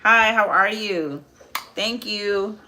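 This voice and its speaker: The recording is rough, with a little hiss or hum, as a woman in her twenties hosts a live makeup tutorial. Her mid-range voice is slow, pushed and bright, and she chats casually, answering viewer comments as she works and repeating phrases.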